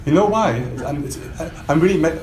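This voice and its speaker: Fairly quick and a little high and mellow, a man presents a loudspeaker maker's product with spontaneous emphasis to a small audience, peppering them with rhetorical questions. The setting is an indoor hotel demo room at a trade show, roomy-sounding with faint background noise.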